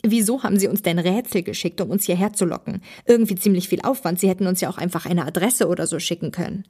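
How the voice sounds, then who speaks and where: A woman reading the part of a quick-thinking young male podcaster, speaking briskly. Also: fairly low pitch, dark tone, husky.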